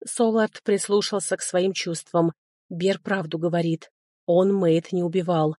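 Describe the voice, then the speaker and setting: A woman narrating a novel in an expressive, dramatic way. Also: fairly low pitch, unhurried, no room sound, studio quality. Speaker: audiobook narrator.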